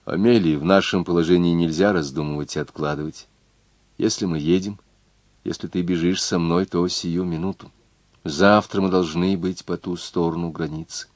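A man's voice: low-pitched, fairly even intonation, normal speed, darkish tone, dry recording, natural voice. A man reading a novel aloud, voicing a proud young noble outlaw who pleads earnestly with the woman he loves. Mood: urgent.

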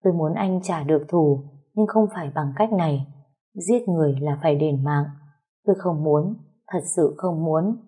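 A woman narrates a first-person drama with an emotional, dramatic reading. Her voice is husky and dark, sitting a little low. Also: moderate pace.

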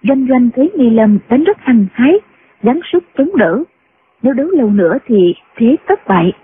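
A woman's voice: on the high side, sing-song, moderate pace, a little hiss or hum. Woman narrating a martial-arts novel. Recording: tinny phone-like sound with loud music.

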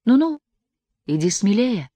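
A woman's voice: medium pitch, sing-song, measured pace, mellow, no room sound, voice pushed up. A woman reading an audiobook, voicing a cruel little girl with a vampire's hunger who taunts and commands. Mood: taunting, commanding. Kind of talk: audiobook character voice.

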